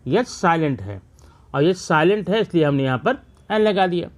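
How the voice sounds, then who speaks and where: A man's voice: a little high, sing-song, moderate pace. A male teacher explaining a grammar lesson step by step, asking questions and answering them himself.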